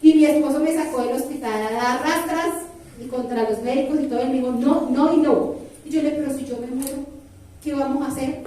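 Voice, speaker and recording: High-voiced woman preaching in an echoey hall. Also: fairly quick. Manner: lively, playful asides, sings lists. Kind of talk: sermon. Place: church hall. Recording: very echoey hall, far from mic.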